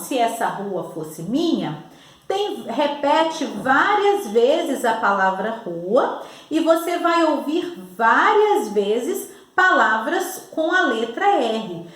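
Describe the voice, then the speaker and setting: A Brazilian woman teaching young children to spell, slow and over-enunciating as she talks straight to the child. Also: high voice. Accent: Brazilian Portuguese. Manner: patient, over-enunciating, addresses the child directly. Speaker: primary school teacher. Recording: echoey room.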